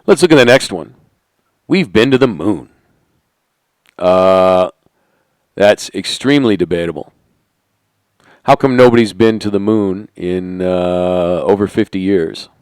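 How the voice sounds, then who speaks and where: A middle-aged man holding a conspiratorial monologue, asking rhetorical questions and sinking into quiet asides. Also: deep voice, a little slow, long pauses, clear, resonant tone, no room sound. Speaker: channel host. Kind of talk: monologue to camera.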